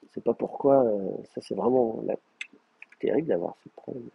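A man's voice: mid-range voice, moderate pace, gravelly, husky, highs cut off. A man giving a live university classroom lecture, explaining with hesitant, stop-start delivery and frequent restarts. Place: classroom with in-person and remote students.

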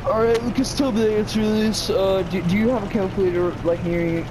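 A man's voice: high-pitched, fairly even intonation, fast talker, background noise. A man joking crudely and rambling in an online group voice chat, talking over a headset mic. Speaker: gamer in party chat. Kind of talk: casual chat.

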